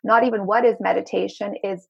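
Gravelly woman with a light Zimbabwean accent. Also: medium pitch, fairly even intonation, a little fast, dull audio. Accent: light Zimbabwean and South African, mostly American. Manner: enthusiastic, earnest. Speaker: marketing coach and podcast guest. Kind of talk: casual podcast conversation.

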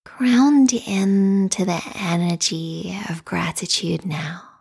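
A woman leading a guided meditation in a calm, soothing, meditative tone, with a soft, breathy, whispery voice. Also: lowish voice, slow pace.

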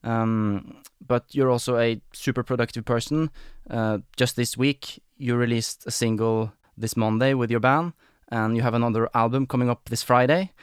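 A man's voice: medium pitch, fairly even intonation, moderate pace, hardly any pauses, clear, resonant tone, dry recording, clean studio sound. A man hosting an interview podcast, friendly and hesitant, with many "um" and "uh" fillers. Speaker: podcast host. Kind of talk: casual interview talk.

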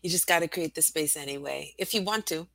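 A woman's voice: sits low, fairly quick, creaky, fairly bright tone, dry recording, rough recording. A woman from Brooklyn, New York with a Brooklyn accent, a guest on a podcast, chatting casually and laughing easily. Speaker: guest, clinical social worker.

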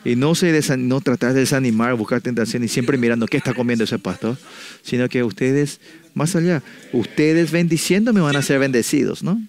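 A pastor delivers a sermon to his congregation in a slightly mellow voice of typical middle pitch for a man. He talks in halting bursts, breaking off and starting sentences over, and ends almost every thought with a questioning "no?" to check in with listeners.

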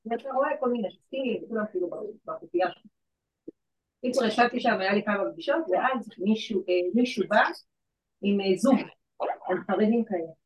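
A woman who works in legal aid, telling a story in casual chat and acting out the voices of the people in it. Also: mid-range voice. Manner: animated, acts out quoted voices. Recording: echoey room from far off.

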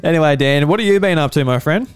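A man's voice: fairly high pitch, lively intonation, quick pace, clear, resonant tone, no room sound. An Australian man hosting a casual chat with friends, with a joking, teasing manner. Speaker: podcast host. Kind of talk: casual banter among friends.

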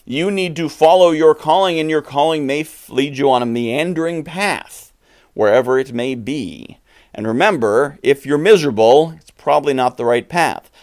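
A man's voice: a little high, moderate pace, darkish tone. A middle-aged man hosting a podcast, delivering an earnest, emphatic motivational monologue. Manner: earnest, emphatic, advice-giving. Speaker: podcast host.

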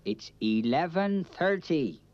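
An actor voicing a gentle country assistant in an old television puppet drama, speaking in a slow rustic drawl. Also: male voice, on the high side, very animated, no echo. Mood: slow, deferential. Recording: dull lo-fi old television soundtrack.

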